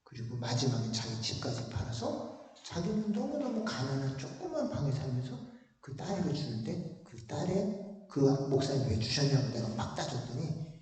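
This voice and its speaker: A male pastor preaches with animated emphasis, repeating words to drive his point home. His pitch rises and falls vividly. The recording carries a long reverb from the big hall, with the mic set well back. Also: normal speed, slight background noise. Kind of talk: sermon with storytelling. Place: large church hall. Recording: echoey church hall, mic far off.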